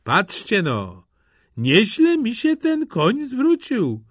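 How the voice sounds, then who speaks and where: A man's voice: mid-range voice, big pitch swings, measured pace, fairly bright tone, no room sound, studio quality. A man voicing a sly, cunning poor peasant, bantering with playful mock fear. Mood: sly teasing.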